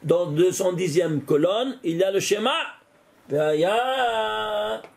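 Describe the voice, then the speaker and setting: A man, a rabbi, giving an animated Torah lesson, often exclaiming and putting questions straight to the listener. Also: sits high, slow, vocal fry. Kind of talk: lively spoken Torah lesson.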